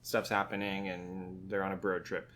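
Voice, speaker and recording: A man's voice: sits low, completely flat delivery, normal speed, a bit bright, slight background noise. A man co-hosting a podcast in casual chat, rambling and filling his talk with "um". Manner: rambling, many fillers and restarts. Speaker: podcast co-host.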